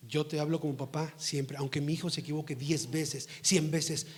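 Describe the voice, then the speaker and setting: A middle-aged man preaching a sermon as pastor, emphatic and scolding, rising to forceful outbursts. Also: fairly high pitch, fairly even intonation, moderate pace.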